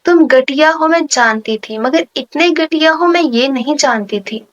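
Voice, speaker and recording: A woman's voice: high-pitched, muffled recording, lightly acted. A woman reading the lines of a defiant young woman who scornfully refuses a forced marriage. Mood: desperate. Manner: angry, scornful, shouting.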